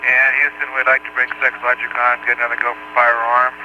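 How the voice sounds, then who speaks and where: Over a faraway, breaking-up radio link from space, a male astronaut reports to mission control, clipped and businesslike. He talks fast and monotone at a medium pitch, on muffled archival space radio full of hiss.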